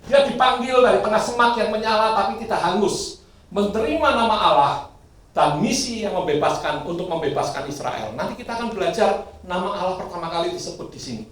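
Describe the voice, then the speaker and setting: A male pastor preaching a sermon, moving from loud bursts to quiet asides. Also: high voice, a little fast. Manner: lively, swings from loud bursts to quiet asides, sings briefly. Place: church hall. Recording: echoey hall, mic at a distance.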